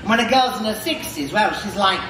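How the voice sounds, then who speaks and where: A man playing a shrill, camp, vain and bawdy pantomime dame, theatrically working the audience in a stage comedy. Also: expressive, fairly quick, far from the mic. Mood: bawdy, teasing. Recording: echoey theatre stage, music and crowd noise.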